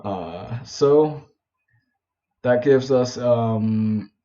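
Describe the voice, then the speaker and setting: A man's voice: mid-range voice, drawn-out words, mellow. A young man talking through a physics problem in a casual, informal way, with lots of ums, "right?" and self-corrections as he works it out. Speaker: physics tutor. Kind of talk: casual whiteboard problem walkthrough. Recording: dull lo-fi home recording.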